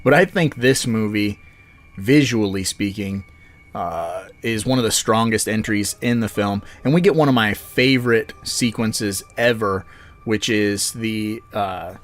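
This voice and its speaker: A man's voice: lowish voice, measured pace. Laughing man, casual podcast co-host. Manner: laughs often, rambling with fillers. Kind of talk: casual film discussion.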